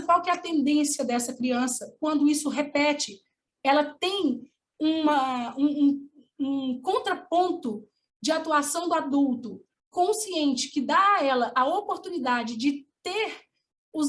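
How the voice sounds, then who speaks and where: High-voiced Brazilian woman lecturing. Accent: Brazilian Portuguese. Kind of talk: online lecture.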